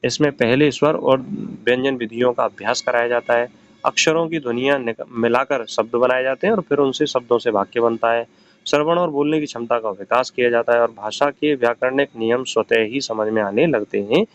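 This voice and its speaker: A man's voice: mid-range voice, brisk. A man teaching an exam-prep lesson. He poses a question, answers it himself, and restates each point in simpler words. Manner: explains each point, then asks and answers his own questions. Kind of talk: recorded classroom-style lecture. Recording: slightly dull, lo-fi audio.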